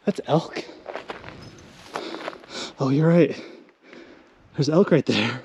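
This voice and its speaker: A man filming himself as he hikes outdoors, out of breath and exclaiming excitedly on a handheld camera mic. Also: medium pitch, extremely slow, gravelly, slight background noise. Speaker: vlogger exploring ruins. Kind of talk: excited on-the-spot hiking commentary. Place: outdoors on a hilltop.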